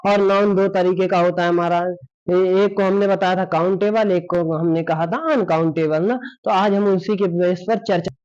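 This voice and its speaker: Male grammar teacher, high voice, repetitive classroom delivery, lo-fi recording. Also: fairly even intonation, normal speed, a little mellow. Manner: repetitive, asks rhetorical questions and answers them himself. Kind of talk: classroom lesson explaining. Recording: dull lo-fi sound.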